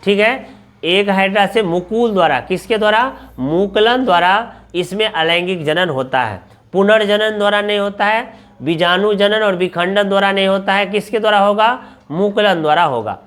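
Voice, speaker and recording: A man's voice: high voice, normal speed, fairly bright tone. A male coaching teacher going through objective exam questions, asking each question aloud and answering it himself, repeating every answer for drilling. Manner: asks questions then answers them himself. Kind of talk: exam question walkthrough lesson.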